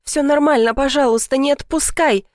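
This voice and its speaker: Woman doing a desperate clinging young wife, high pleading cries, dry close sound, storybook reading. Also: normal speed, darkish tone, no room sound, close to an everyday voice.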